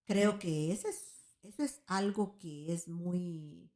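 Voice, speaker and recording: A woman's voice: lowish voice, slow pace, dark tone. Earnest woman preaching in an echoey room. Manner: earnest, keeps asking "right?" of her listeners. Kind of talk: sermon-like teaching. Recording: roomy echo.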